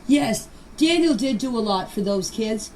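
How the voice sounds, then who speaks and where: Her pitch is fairly high and her delivery animated yet unhurried, with a slightly mellow quality. The older woman tells a personal story unscripted over noisy amateur voice messages, pressing her case emphatically and defensively through repeated phrases.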